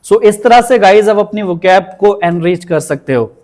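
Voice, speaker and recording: A man, teaching vocabulary and repeating each word slowly to show how it is pronounced. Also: high voice, darkish tone. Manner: explains patiently, repeats words slowly for pronunciation. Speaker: English teacher. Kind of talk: vocabulary lesson.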